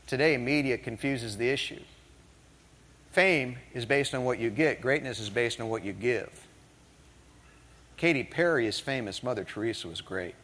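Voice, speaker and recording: With a medium pitch, moderate pace, and long pauses, a middle-aged man from the northern U.S. gives a motivational keynote. His storytelling is humorous and animated, full of jokes. He speaks before an audience in a large hall, with hall reverb in the recording.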